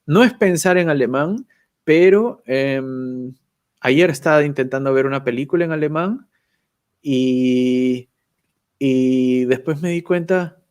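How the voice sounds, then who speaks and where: A man with a clear, resonant, darkish mid-range voice speaks slowly as a guest on a video call. The YouTuber keeps the chat casual, thoughtful and self-deprecating, with a questioning "right?" closing many phrases.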